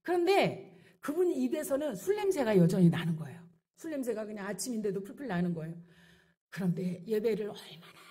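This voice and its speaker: Impassioned woman preacher, slightly husky. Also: on the high side. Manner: impassioned preaching with acted-out quotes. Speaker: pastor. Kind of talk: sermon.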